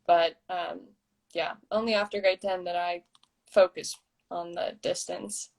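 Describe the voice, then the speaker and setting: A woman's voice: fairly low pitch, fairly even intonation, a little slow, vocal fry. A young woman from South Africa with an American-tinged South African accent, a guest athlete chatting casually over a video call, easygoing and hesitant with many ums. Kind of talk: casual chat.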